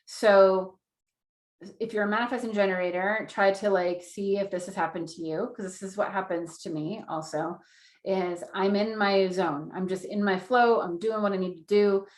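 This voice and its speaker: A woman in her thirties teaches a class with an earnest, repetitive delivery, sometimes acting out an inner voice as she explains. Her voice sits in a middle pitch. The room gives it a noticeable echo. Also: steady tone, normal speed. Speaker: Human Design teacher. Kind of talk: online class lecture.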